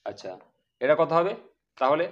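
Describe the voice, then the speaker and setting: Male math tutor, slightly high voice, question-and-answer delivery, muffled lo-fi sound. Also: expressive, moderate pace. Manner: asks the class questions then answers them himself. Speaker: math teacher. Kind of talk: explaining math to students.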